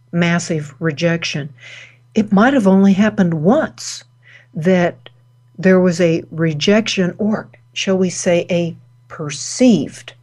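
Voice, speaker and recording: Unhurried female host, middle pitch, reflective wellness talk with measured pauses. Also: a little mellow. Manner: slow, deliberate, pausing between phrases.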